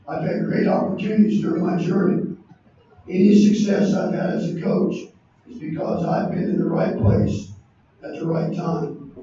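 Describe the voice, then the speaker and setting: A hoarse man in his sixties from Indiana, giving an earnest acceptance speech as a coach inducted into a hall of fame. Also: sits high, mellow. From Indiana, USA. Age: 60s. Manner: earnest, lists names and values. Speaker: award inductee, basketball coach. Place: large banquet hall. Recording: echoey hall, distant muffled mic, faint noise.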